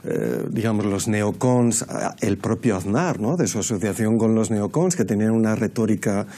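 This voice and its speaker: A man speaking as a panelist in a political debate, measured and lecturing, with frequent hesitations. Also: fairly low pitch, animated, warm tone. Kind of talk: analytical debate commentary.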